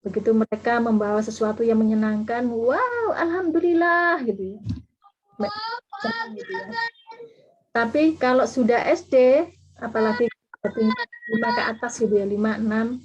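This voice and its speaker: A woman's voice: fairly high pitch, darkish tone, a little hiss or hum. A woman speaker giving an online parenting seminar, explaining patiently and acting out sample intonations. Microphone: video call audio. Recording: dull lo-fi video call audio.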